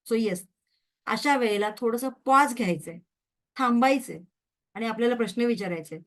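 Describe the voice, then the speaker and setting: Middle-aged woman, Reiki teacher, online class, higher voice, checks in with rhetorical questions. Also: a bit bright. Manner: switches freely into English words and phrases. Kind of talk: online training class lecture.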